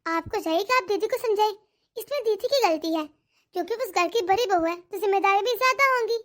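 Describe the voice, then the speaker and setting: A woman's voice: extremely high pitch, fast, fairly bright tone. A woman voicing a sensible young daughter-in-law in a cartoon, polite and reassuring. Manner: polite, reassuring, level-headed. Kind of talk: cartoon dialogue.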